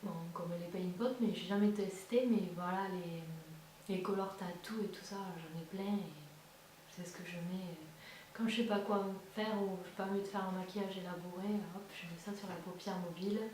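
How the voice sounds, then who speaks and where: A woman's voice: lowish voice, steady tone, normal speed, darkish tone. A woman chatting casually as a beauty vlogger, hesitant, with many fillers and restarts. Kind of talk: casual chat. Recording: echoey room, far from the mic, faint hiss.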